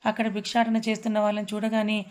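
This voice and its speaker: A woman narrating a romance story in a steady, even reading voice. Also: mid-range voice, quick pace.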